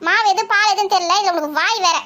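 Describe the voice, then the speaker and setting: A sharp-tongued mother-in-law, played by a woman in a homemade village family skit. She scolds and taunts in a very high, bright voice and talks fast. Her retorts come quick and pointed. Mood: taunting.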